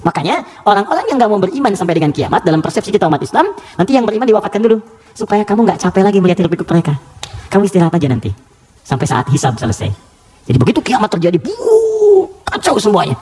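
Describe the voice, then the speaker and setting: Man preacher, very fast, lively swooping pitch, rhetorical questions, sermon. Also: slight background noise. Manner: animated, rhetorical questions, acts out quotes. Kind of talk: lively sermon to a live audience.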